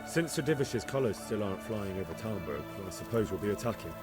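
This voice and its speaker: A man's voice: on the low side, expressive, fast talker, close to an everyday voice. An actor voicing a polite young squire in a video game, deferential to his lord. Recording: game audio over loud music.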